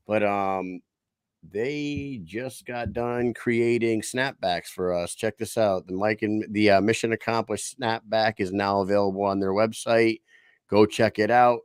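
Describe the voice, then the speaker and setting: A man's voice: fairly low pitch, steady tone, unhurried, smooth, dry recording. A man hosting a casual podcast, swearing freely and hyping things up in street slang. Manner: profane, hype-man banter with street slang. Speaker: show host.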